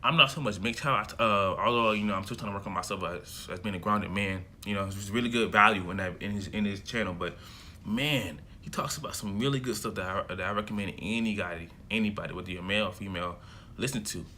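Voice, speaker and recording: In a fast, chatty monologue to camera, this early-twenties American self-development vlogger keeps restarting and filling gaps with fillers. The young man's fairly low voice comes across pushed and bright, with a little hiss or hum in the background.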